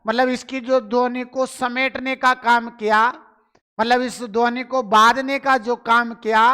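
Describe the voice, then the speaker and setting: A man's voice: very high-pitched, sharp tone, clean tone. A male teacher giving a live online grammar lesson, asking questions and answering them himself, and urging viewers to reply in chat.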